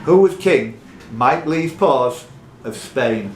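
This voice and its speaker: Speaking slowly with lively intonation, this male quiz host reads out questions at a live pub quiz and bandies playful, teasing remarks with contestants. His medium-pitched voice sits over faint music, crowd noise, and the echo of the pub room.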